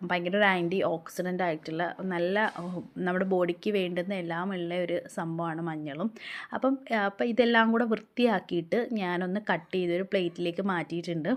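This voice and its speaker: Hoarse woman giving a chatty home tutorial. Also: on the low side, fairly even intonation, a little fast. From Kerala, India. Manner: chatty, explains step by step, often adds reassuring tags. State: hoarse from a cough. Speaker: home remedy vlogger.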